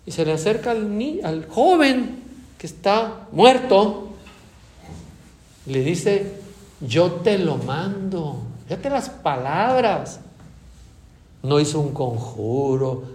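A man preaching a sermon, dramatic, swinging from soft asides to loud emphatic peaks. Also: on the high side, animated, takes it slowly, creaky. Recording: echoey room with faint ambient noise.

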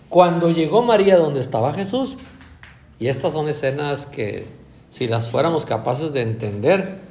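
A man gives a sermon in a slightly raised voice. He talks to his listeners as if chatting and keeps checking in with a quick question. The sound is roomy, with a clear echo around him. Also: on the high side, a little mellow. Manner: conversational, keeps asking "¿verdad?". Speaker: preacher.

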